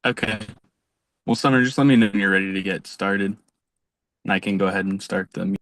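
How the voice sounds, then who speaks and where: A man speaks on a video call with a forceful, bright tone and a somewhat low voice. His microphone makes him sound scratchy, like a bad connection. The audio is dry and close. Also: fast talker, dry recording. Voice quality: scratchy, breaking-up voice. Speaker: commission member chairing the meeting. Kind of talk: casual meeting talk. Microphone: computer microphone on a video call.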